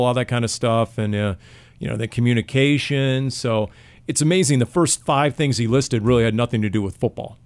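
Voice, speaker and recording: A man's voice: medium pitch, no room sound. A man hosting a casual sports podcast, chatting in a rambling way with fillers. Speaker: podcast host.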